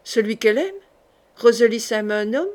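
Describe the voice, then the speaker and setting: A woman's voice: on the high side, lively intonation, moderate pace, a little mellow, lightly acted. A woman reading the part of a desperate, grieving noble mother in an audiobook, pleading and fierce. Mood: shaken.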